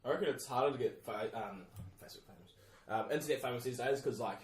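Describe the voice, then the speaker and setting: A man's voice: medium pitch, fast. A man with a New Zealand accent co-hosting a podcast, blunt and sweary. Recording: distant, roomy, crowd noise.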